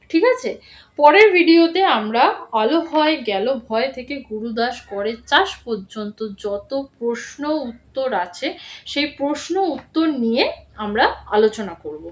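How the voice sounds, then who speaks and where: A woman teacher giving a patient reading lesson to young children, spelling out words slowly syllable by syllable. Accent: Bengali. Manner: asks "ঠিক আছে?" with a sharp rise in pitch.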